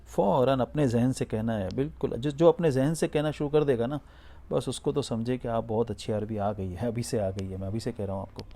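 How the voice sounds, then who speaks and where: A man teaching a spoken Arabic class, running repeat-after-me drills. He says each phrase slowly and clearly, then prompts the listener to say it again. His voice sits at a middle pitch, and he cheers learners on. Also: warm tone. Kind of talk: spoken language drill lesson.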